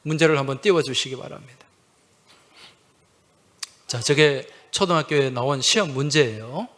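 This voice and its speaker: A man preaching a Sunday sermon as pastor. He talks conversationally, asks his listeners questions and keeps affirming with a quick "yes". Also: mid-range voice, fairly bright tone. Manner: conversational, uses humorous anecdotes.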